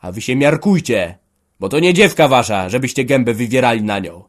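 A man voicing a hot-blooded young peasant son who stubbornly shouts back at his father. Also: medium pitch, lively intonation, a little fast, natural voice. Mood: defiant shouting.

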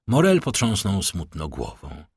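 Deep husky man narrating a novel. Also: wildly swooping pitch, darkish tone, no echo, studio quality. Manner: measured dramatic reading. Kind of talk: audiobook narration.

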